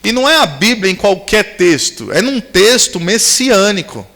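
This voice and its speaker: A high-voiced man with wide pitch swings and a bright, forceful tone preaches at a youth camp at a moderate pace. He tells personal anecdotes with humorous asides and acts out the dialogue, his sermon carrying a long reverb through the large camp meeting hall.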